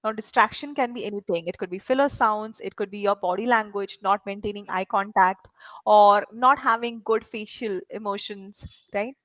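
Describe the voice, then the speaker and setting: A woman's voice: mid-range voice, normal speed, fairly bright tone, no room sound, rough recording. A woman from India coaching a learner in spoken English, explaining patiently and checking in with frequent questions. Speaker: English tutor.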